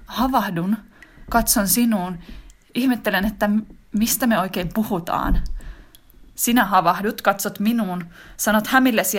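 A woman's voice: mid-range voice, a little hiss or hum, lightly acted. A woman voicing a wistful wife reading a letter to her husband in a radio drama monologue, intimate and reflective. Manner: intimate, reflective, growing more heightened and excited.

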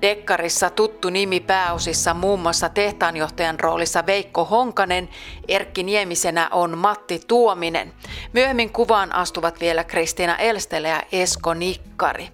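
A woman radio host reading scripted introductions in a smooth, even manner. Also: fairly low pitch, soft background music. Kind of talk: scripted presenting.

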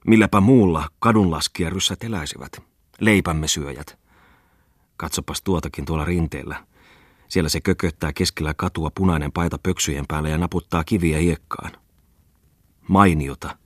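A man reading an audiobook voices a loud, excitable lame man who rants scornfully and breaks into shouts. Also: deep voice, dry recording, studio quality. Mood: ranting. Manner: raves loudly, jumps into shouts. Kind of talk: audiobook character voice.

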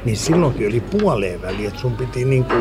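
A man's voice: mid-range voice, big pitch swings, loud music behind the voice. A man casually telling a long personal story, rambling and restarting as he recalls details. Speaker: interviewee recalling a snowstorm.

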